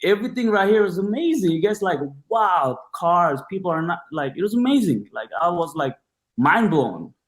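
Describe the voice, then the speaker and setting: With a high voice, big pitch swings, and a moderate pace, this Bangladeshi podcast guest in his twenties tells personal stories casually. He sounds slangy and enthusiastic, and the recording has a roomy feel.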